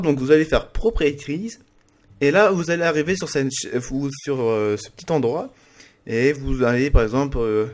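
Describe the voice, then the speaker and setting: A man hosting a casual screen-recorded software tutorial, talking haltingly with many fillers and restarts as he narrates his clicks. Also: medium pitch. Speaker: streaming tutorial host.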